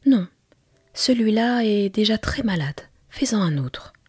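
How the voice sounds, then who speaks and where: The Little Prince, breathy whispered boy, as a woman voices him. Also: lively intonation, unhurried, no room sound. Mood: insistent. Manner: higher, eager childlike questioning. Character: curious earnest little boy prince from a tiny planet. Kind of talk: whispered role-play.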